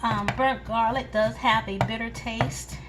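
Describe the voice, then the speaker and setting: Over loud music, a woman with a voice on the high side and a steady tone guides viewers through each cooking step from her kitchen. She's a home cooking channel host, unhurried and chatting homely in a casual demonstration.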